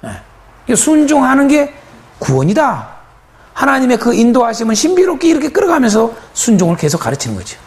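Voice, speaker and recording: Male pastor, lively high-pitched sermon delivery, repetitive and emphatic. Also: brisk. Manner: emphatic, repetitive preaching with rhetorical questions.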